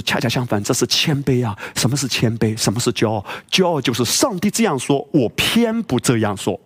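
Man, pastor, sermon, husky, very lively pitch, emphatic, rhetorical questions.

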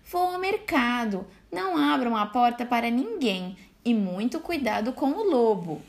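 A woman's voice: fairly high pitch, sing-song, a little slow, vocal fry, full character voice. A woman voicing a stern, bossy mother goat in a storybook reading, scolding and fussing. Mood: warning.

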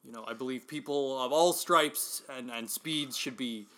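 A man's voice: medium pitch, moderate pace, sharp tone, lightly acted. A man playing a dad who can't stop telling corny jokes, rambling with fillers. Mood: playful. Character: corny joke-telling dad, self-styled family clown.

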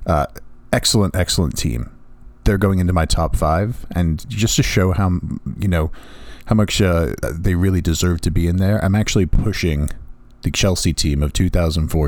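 A man's voice: deep voice, moderate pace, darkish tone, no echo. A man with a groggy morning voice, recording a rambling aside to listeners while editing his podcast. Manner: rambling, self-correcting, many "uh" fillers. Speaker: podcast host editing the show.

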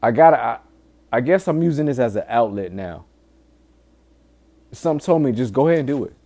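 A man with a low-set, dark, mellow voice records a candid solo podcast. His talk is informal and full of swearing, with an earnest, pleading urgency as he warns his listeners. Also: expressive, brisk, gravelly. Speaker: podcast host.

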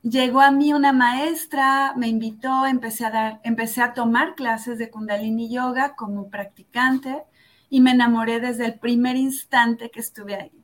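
A woman's voice: fairly high pitch, fairly even intonation. A woman, a yoga instructor telling her story in an interview, earnest and reflective, often tagging her phrases with "¿no?". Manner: earnest and reflective, tags phrases with "¿no?", slows down for emphasis. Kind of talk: personal testimony in an interview.

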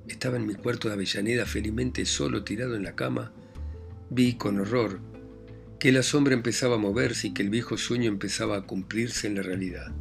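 A man reading a novel aloud in a grave, measured first-person narration with an Argentine Spanish accent. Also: lowish voice, gravelly. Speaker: audiobook narrator. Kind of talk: scripted literary narration.

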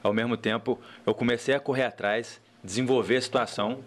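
A man's voice: mid-range voice, a little fast, slight background noise. A man who is a guest entrepreneur, chatting casually on a podcast and telling stories with lots of fillers. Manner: animated storytelling, frequent "cara" fillers.

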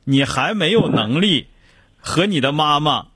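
A man's voice: fairly high pitch, expressive, measured pace, a bit bright, husky, no room sound, studio quality. A man hosting a radio call-in show, giving blunt, joking advice.

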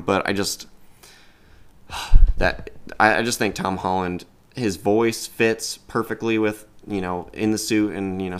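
Low smooth-voiced guy reviewing movies. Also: fairly bright tone. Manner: rambling, enthusiastic, swears freely. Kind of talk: casual ranking vlog.

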